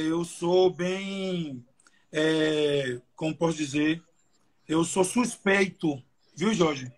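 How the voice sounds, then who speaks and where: A man's voice: fairly high pitch, husky. A man with a Brazilian Portuguese accent preaching a sermon at a youth church service, emotional and conversational, with many fillers. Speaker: evangelist preacher. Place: church service streamed live.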